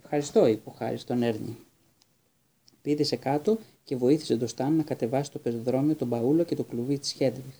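A man narrating an audiobook in a steady reading manner, with occasional small restarts. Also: medium pitch, breathy edge. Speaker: audiobook reader.

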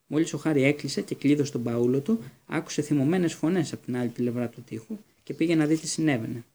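A man reading an audiobook aloud with steady, even storytelling. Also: a little high, slightly rough. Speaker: audiobook narrator. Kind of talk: audiobook narration.

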